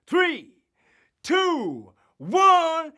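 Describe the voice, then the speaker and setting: Casting: a performer as a goofy kids' cowboy sheriff, put-on drawl, very lively swoops, slow and bright. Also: extremely high pitch, heavily acted. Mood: hammy cheerful. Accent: put-on American cowboy drawl. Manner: hammy, showy, yelling catchphrases. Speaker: road-safety mascot addressing children. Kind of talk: scripted kids' safety promo.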